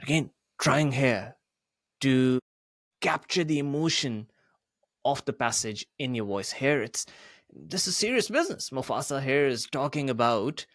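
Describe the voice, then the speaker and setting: A man teaching a public speaking lesson, deliberately varying his pitch and volume to demonstrate his points. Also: no room sound, clean studio sound. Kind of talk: voice coaching lesson.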